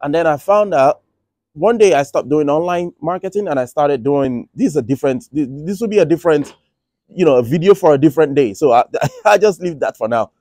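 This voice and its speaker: His voice sits on the high side, a little mellow, with lively intonation and a slightly fast pace, in clean studio sound without echo. A Nigerian-accented finance vlogger in the Republic of Ireland, he chats loosely about trading and his finances, frequently restarting and using fillers.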